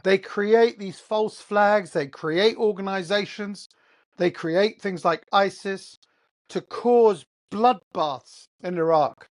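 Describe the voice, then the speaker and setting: A man from England with a high-pitched voice and a slow delivery hosts an angry solo monologue. His English-accented rant is blunt and profane, peppered with rhetorical questions.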